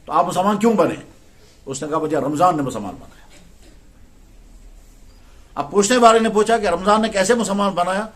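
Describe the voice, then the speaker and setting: A man's voice: high-pitched, long pauses, a bit bright. A male Islamic scholar giving a religious talk in style storytelling, acting out quoted dialogue in a conversational way.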